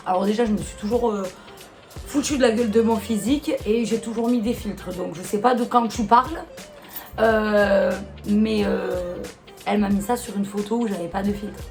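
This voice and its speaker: A woman's voice: mid-range voice, normal speed, darkish tone, soft background music. A woman with a Marseille accent, casually talking to camera in a vlog and answering comments in a blunt, exasperated way. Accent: Marseille French. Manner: blunt, exasperated, fond of rhetorical questions. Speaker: YouTuber.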